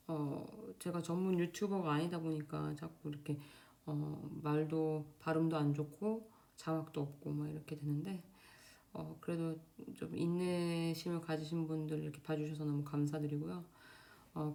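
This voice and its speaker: A young woman talking casually to camera at home, quick and loose with many fillers and restarts. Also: low-pitched, vocal fry, dark tone. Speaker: Korean doctor in Germany giving exam advice. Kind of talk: casual unscripted vlog talk. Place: home, indoors. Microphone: camera facing speaker.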